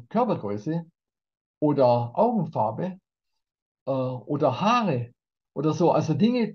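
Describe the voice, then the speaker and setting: A man in his sixties or older giving a talk on a personality model, speaking haltingly with many fillers and restarts. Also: on the high side. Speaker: trainer and company founder. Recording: dull lo-fi sound.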